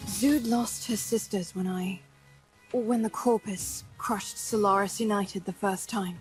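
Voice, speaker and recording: A woman's voice: medium pitch, steady tone, unhurried, faint music behind, close to an everyday voice, low-quality recording. An actress playing a tough, wisecracking woman squad leader in video game dialogue, brash and teasing with nicknames for everyone.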